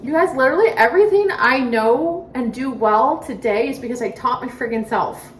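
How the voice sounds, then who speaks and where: A woman's voice: high-pitched, normal speed, far from the mic. Chatty woman vlogging in an echoey kitchen. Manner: chatty, self-described dramatic, laughs often. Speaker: stay-at-home mom vlogger. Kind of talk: casual chat to camera. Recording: echoey room, voice off-mic, faint background noise.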